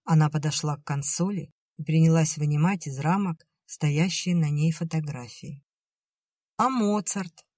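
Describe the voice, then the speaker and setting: An audiobook narrator reading literary prose. The delivery is even and measured at a middle pitch. The recording is dry and close. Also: no echo.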